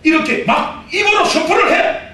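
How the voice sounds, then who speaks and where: A male pastor preaching a sermon to a congregation, animated and acting out pep talks to himself, recorded in a church sanctuary. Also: very high-pitched, normal speed, a little hiss or hum. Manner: animated preaching, acts out self-talk, calls out to the congregation. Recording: echoey church hall, mic at a distance.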